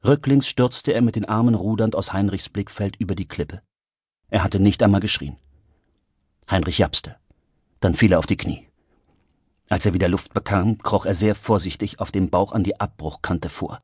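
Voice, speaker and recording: A man narrating an audiobook in a vivid, expressive storytelling manner. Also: sits low, moderate pace, husky, no echo. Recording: dry studio recording.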